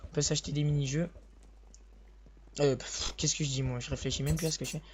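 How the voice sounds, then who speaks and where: A young man with a sore voice, speaking softly and hesitantly as he comments on his own gameplay, often restarting his sentences. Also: fairly high pitch, flat delivery, fast. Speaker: gaming video host. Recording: slightly dull lo-fi recording with faint hiss.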